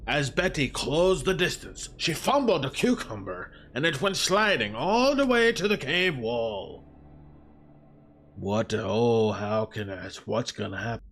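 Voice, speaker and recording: Speaking at medium pitch with a slightly bright tone, the man is expressive and a bit slow. He's a gamer and writer livestreaming, trading crude bro slang with viewers as he composes a story aloud over background music.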